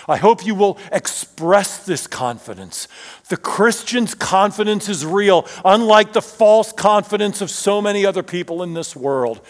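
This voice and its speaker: Male pastor, slow and highly expressive delivery, long church hall echo, swings from loud to hushed. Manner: swells loud then drops to near whisper. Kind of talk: sermon. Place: church sanctuary.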